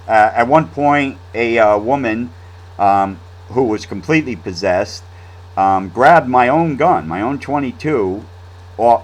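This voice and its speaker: A man's voice: lowish voice, rough recording. A man telling a story in a casual, rambling monologue, with restarts and fillers. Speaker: vlog host.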